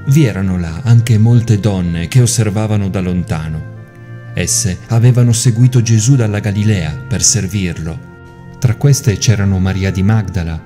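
A priest giving a measured, solemn liturgical scripture reading. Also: male voice, lowish voice, warm tone. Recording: music playing underneath.

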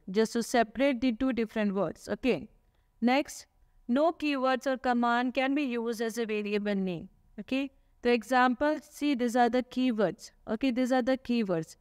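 Woman, patient teacher, rhetorical questions, smooth clear voice, dry recording. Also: fairly high pitch, a little mellow, dry recording. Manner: explains patiently, asks herself questions, many tag "okay?". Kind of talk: slide lecture. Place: voice-over on slides.

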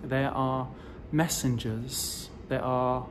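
At a medium pitch and with fairly even intonation, this rabbi in his forties preaches without hurry, though his deliberate storytelling still rises emphatically at moments. The close phone or camera, in selfie framing indoors against a decorative wall, catches a faint hiss in the background.

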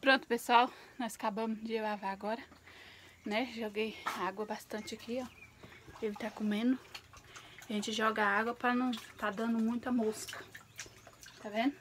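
A woman with a bright, high voice films herself outdoors on a farm with her phone. She talks casually to her viewers and chirps at the animals. A faint hiss of outdoor noise sits under her voice. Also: steady tone, normal speed, long pauses. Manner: chatty, calls out to animals in a high sing-song voice. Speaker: vlogger. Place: outdoors on a farm, pigsty and yard. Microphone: phone camera held by the speaker.

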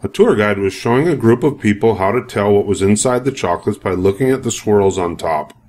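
An older man reading a children's picture book aloud as an expressive storyteller. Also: on the low side, fairly quick. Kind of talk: scripted narration, picture book read-aloud.

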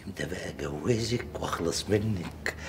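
An actor playing a joking, soft-hearted, henpecked father in a comedy series with music behind. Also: sits low, a little fast, slight background noise. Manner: joking, animated. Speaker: father, police assistant.

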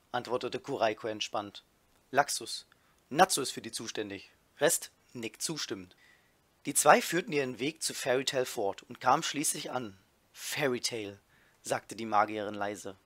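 A man reading a fanfiction aloud in a deadpan way, naming each character before their line and adding mocking comments. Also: mid-range voice, no room sound. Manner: reads character names as tags before lines, dry deadpan delivery. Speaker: reader of a fanfiction riff.

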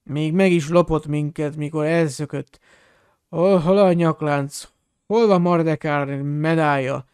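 A man's voice: fairly high pitch, a little mellow, clear, resonant tone, dry recording, studio quality, natural voice. A man voicing a drunken, squalid middle-aged wizard who rambles, mutters and snarls with contempt. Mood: raging. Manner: slurred, muttering outbursts, spitting contempt.

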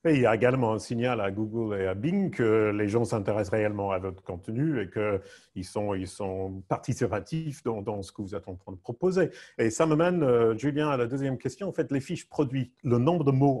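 A man's voice: medium pitch, a little mellow. A man hosting a web seminar, moderating questions with a playful, joking manner over a video call. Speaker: webinar host. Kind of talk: moderating a panel Q&A.

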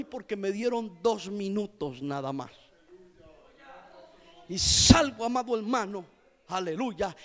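A male pastor giving a fervent preaching testimony, rising into shouted, half-sung climaxes and acting out the people in his story. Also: high voice.

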